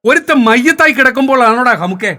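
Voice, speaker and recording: A man's voice: extremely high pitch, lively intonation, fast, pushed and bright, full character voice. A young man on stage playing a blunt older man living in an old-age home, scolding the others. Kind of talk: stage comedy drama.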